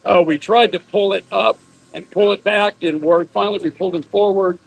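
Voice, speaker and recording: A man's voice: sits high, fairly even intonation, a little fast, creaky, rough recording. A man from a recovery crew answering interview questions in a plain, matter-of-fact way at an outdoor off-road event.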